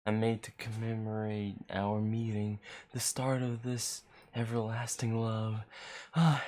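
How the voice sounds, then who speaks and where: A woman voicing a creepy, obsessive, lovesick man, speaking hushed and slow close to the microphone. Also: rumbling low, flat delivery. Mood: creepy adoring.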